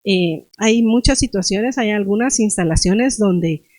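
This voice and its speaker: A woman's voice: mid-range voice, a little slow, darkish tone, no room sound. A woman preaching a sermon in a conversational way, asking the congregation questions and acting out frightened cries. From Guatemala. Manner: dramatic, acts out frightened cries.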